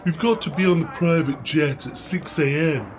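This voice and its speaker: A man's voice: on the high side, moderate pace, noisy background, lightly acted. A man playing a pompous, peevish composer in a comedy sketch, haughty and dramatic. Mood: irritated. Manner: haughty, dramatic, easily affronted. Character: pompous, peevish male composer and self-styled artiste. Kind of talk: comedy audio sketch acting.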